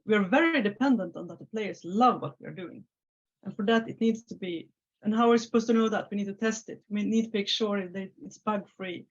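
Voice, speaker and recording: Fairly quick and medium-pitched, this woman from Sweden is in her 30s and speaks with a Swedish accent. She's a casual interview guest on a slightly muffled video call, often using fillers and starting over.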